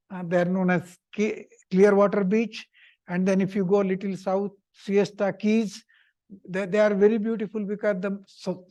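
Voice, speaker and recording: High-pitched older man giving informal lecture. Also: darkish tone. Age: middle-aged or older. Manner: chatty, repetitive, short simple phrases. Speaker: visiting professor giving a seminar talk.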